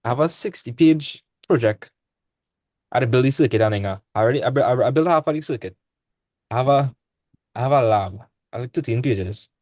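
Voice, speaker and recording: A man's voice: mid-range voice, lively intonation, fairly quick, a little mellow, no echo. A young man, tutoring maths in a casual online class. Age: young adult. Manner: casual, laid-back teaching with dialect speech. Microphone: video call.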